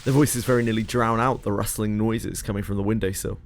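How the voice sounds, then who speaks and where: A man's voice: on the low side, steady tone, fairly quick, a little hiss or hum. A man streaming a game, reading its story aloud with dry, joking asides. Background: game music.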